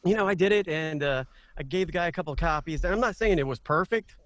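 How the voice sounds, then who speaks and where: A man's voice: fairly high pitch, quick pace, a bit bright, no room sound. Laid-back American man, dry close sound. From Georgia, United States. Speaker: voiceover artist and ring announcer guest. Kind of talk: casual interview chat.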